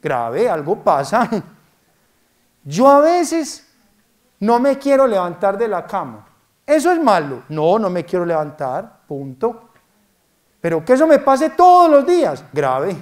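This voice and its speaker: Slow, high-voiced priest preaching. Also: male voice, big pitch swings, darkish tone. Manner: mimics complaining parishioners, playful asides. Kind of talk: humorous sermon talk.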